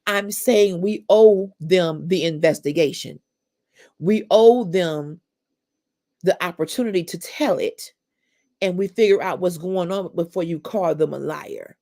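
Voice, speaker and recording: A woman's voice: fairly low pitch, darkish tone. A middle-aged woman hosting a faith-based talk show, speaking in an emphatic, preacherly way and calling listeners sisters. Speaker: podcast host.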